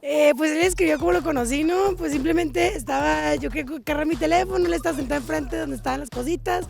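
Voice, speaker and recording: A young Mexican woman with a Mexican accent vlogs casually on her phone while in transit through airports, chatty, slangy and tired from travel. Her voice sits high and is gravelly, and she talks at a quick pace.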